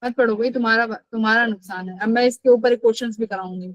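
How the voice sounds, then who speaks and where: A woman's voice: a little high, fairly even intonation, quick pace, no room sound, dull audio. A woman teaching a live online physics class, asking questions and answering them herself, and scolding students who skip class.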